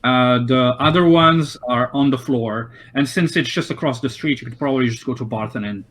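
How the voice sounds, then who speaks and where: A man narrates as game master of a tabletop game, halting often with fillers and restarts. His voice is mid-range and a bit bright.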